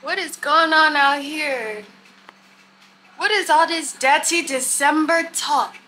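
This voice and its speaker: A young adult woman, a travel vlogger, chats casually and animatedly to her viewers from a hotel room and balcony at night, outdoors by a city street. She films on a phone held at arm's length, speaking slowly in a high voice with slight background noise.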